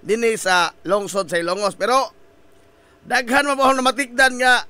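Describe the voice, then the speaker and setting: A man's voice: very high voice, fairly even intonation, normal speed, sharp tone, smooth, no room sound. A man hosting a morning radio talk show, playful and joking, with sing-song greetings. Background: background music.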